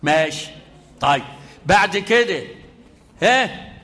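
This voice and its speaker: A middle-aged man with an Egyptian accent teaching a tajweed lesson, quizzing his students and chanting Quran examples slowly. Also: high-pitched, expressive, pushed and bright. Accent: Egyptian Arabic.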